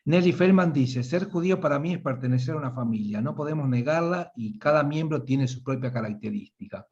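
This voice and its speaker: A man's voice: mid-range voice, lively intonation, a little fast, a little mellow, muffled recording. A man with an Argentine accent hosting a live online panel, reading out audience comments and often repeating words as he searches for them. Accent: Argentine Spanish. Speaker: host and moderator.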